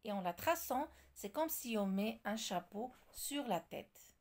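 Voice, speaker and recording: A woman teaching French walks through examples slowly and deliberately. Her fairly high voice rises and falls a lot, with a gravelly edge at the ends of phrases. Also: lively intonation, darkish tone. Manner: slow, deliberate, spells out examples. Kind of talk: classroom lesson explanation.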